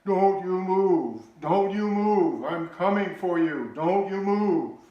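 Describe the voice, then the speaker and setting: A man voicing an older brother who calls out loudly and slowly to a lost little boy, insisting he stay put. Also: high-pitched, expressive, muffled recording, pitched above the performer's own voice. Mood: urgent calling. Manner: loud, slow, insistent calling. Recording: very echoey room.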